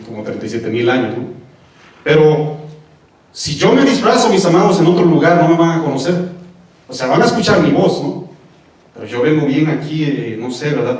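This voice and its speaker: Male pastor, sermon, chatty asides, joking, higher voice, very echoey church, distant mic. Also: a little mellow. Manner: conversational preaching, frequent "mis amados" and "¿no?" asides, joking.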